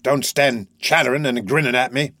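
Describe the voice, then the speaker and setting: A man's voice: mid-range voice, fairly even intonation, moderate pace, a bit bright, no echo, natural voice. Storybook villain played by a man: ill-tempered housebreaker, surly growl, snapping orders, close dry sound. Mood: savage, impatient. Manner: growling, cursing, impatient.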